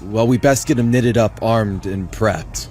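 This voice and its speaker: A man voicing a gruff, scarred veteran soldier who speaks curtly and hesitantly. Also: lowish voice, measured pace, darkish tone, faint music behind, lightly acted. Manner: hesitant, curt.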